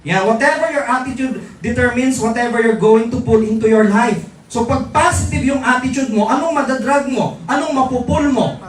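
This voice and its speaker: A middle-aged man, giving a live motivational seminar talk to distributors, teasing the audience and asking rhetorical questions. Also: extremely high pitch. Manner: teasing, jokes with the crowd, asks rhetorical questions. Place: large indoor event hall. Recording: echoey hall from far off, faint crowd. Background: faint audience noise.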